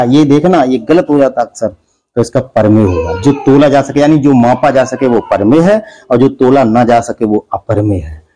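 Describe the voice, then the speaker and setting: Mellow-voiced Hindi teacher man. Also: medium pitch, poor audio. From India. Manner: explains step by step, asks and answers own questions. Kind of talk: exam prep Hindi grammar lesson.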